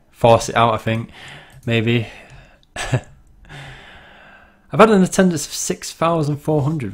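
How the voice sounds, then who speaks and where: A man's voice: mid-range voice, vocal fry. A young man, casually commenting on a management game, rambling and laughing at himself. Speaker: gaming channel host.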